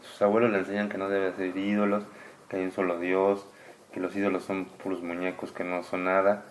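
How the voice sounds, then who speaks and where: Un padre mexicano de tono bajo da una clase en casa con calma y paciencia. Va intercalando preguntas para el niño mientras narra y comenta el texto sagrado. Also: male voice, sits low, a little hiss or hum. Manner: patient, asks the child questions, reads passages slowly and louder. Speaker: father homeschooling his child. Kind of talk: reading and explaining a scripture story to a child.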